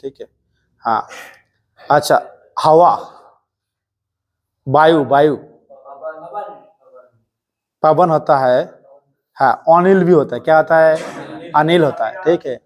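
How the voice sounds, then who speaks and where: Male Hindi tutor, slightly high voice, drills a coaching class with quick call-and-response. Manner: quizzing students with rapid call-and-response; strict, jokingly threatens students. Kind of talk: live classroom lesson.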